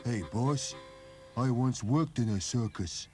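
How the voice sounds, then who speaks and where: A man voicing a male cartoon rabbit who used to be a circus strongman and brags loudly about his strength. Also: medium pitch, takes it slowly, lightly acted. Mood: boastful. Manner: loud, bragging storyteller. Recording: music bed behind the voice.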